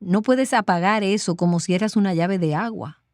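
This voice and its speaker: A woman hosting a faith podcast, asking questions in a probing, measured way. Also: medium pitch, no echo, clean studio sound. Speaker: host. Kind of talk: interview questions.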